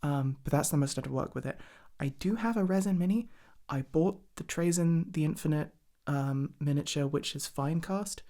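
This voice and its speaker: This ASMR hobbyist has a low, dark-toned voice at a normal speed. Her casual chat wanders and stalls here and there, eager and sprinkled with swearing.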